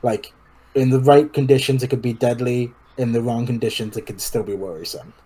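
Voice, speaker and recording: A young man with a warm, mellow voice chats casually. He hesitates often and fills gaps with "like" and "uh". His pitch is ordinary, in the middle range. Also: fairly even intonation, fairly quick, breathy edge, low-quality recording. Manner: hesitant, thinks aloud with fillers. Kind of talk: casual chat.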